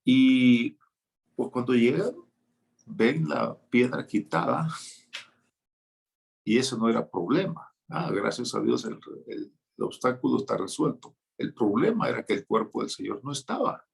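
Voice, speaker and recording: Male pastor giving a sermon, super gravelly voice, jumps all over in pitch, chatty with little jokes. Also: expressive, unhurried. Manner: conversational teaching with light jokes.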